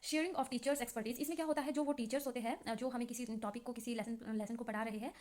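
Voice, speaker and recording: A woman's voice: a little high, steady tone, darkish tone. A young woman, a trainee teacher, explaining exam notes in a casual lesson, chatty and full of fillers. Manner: chatty explaining with many fillers, reads English definitions slowly.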